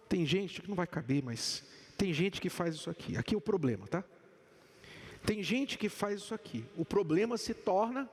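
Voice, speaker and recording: A man with a husky, high-pitched voice gives a church-style talk on relationships. He explains step by step and works through a live demonstration. His voice carries a long reverb from a large hall. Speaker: speaker at a couples' talk.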